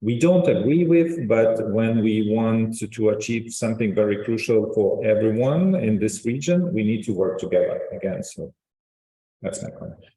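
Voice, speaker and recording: A man on a panel who gave a presentation, adding comments in a measured, explanatory way. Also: on the low side, dark tone, reverberant, poor audio. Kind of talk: panel discussion.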